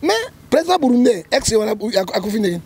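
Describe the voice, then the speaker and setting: A man's voice: sits high, sing-song, a little fast, a little mellow, husky. A man with a Congolese accent, a prophet guest giving emphatic political commentary in an interview, often checking in with his listener and quoting scripture. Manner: emphatic, keeps checking with "hein?", quotes scripture.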